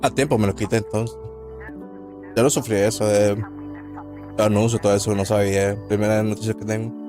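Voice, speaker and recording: A man's voice: on the low side, flat delivery, fairly quick. A man giving casual, off-the-cuff reaction commentary as a streamer. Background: music with guitar.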